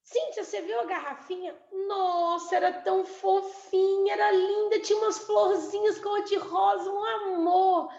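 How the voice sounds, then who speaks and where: Brazilian lady doing a gushing sweet-talker, way up high, echoey dull room. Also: expressive, a little fast, hardly any pauses, a little mellow. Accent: Brazilian Portuguese. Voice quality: high, sing-song gushing.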